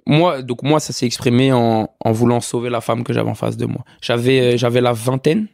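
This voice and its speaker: A man in his twenties, a podcast guest from France, talking relaxed and reflective in casual conversation, often checking in with "you see". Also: mid-range voice, fairly quick, creaky, no room sound, clean studio sound. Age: 20s. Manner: relaxed, many restarts and "tu vois".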